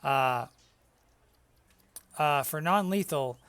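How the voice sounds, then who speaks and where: A man's voice: on the high side, very slow, fairly bright tone, a little hiss or hum. A man narrating as dungeon master, casual and laughing, with some swearing. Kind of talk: narrating a tabletop game.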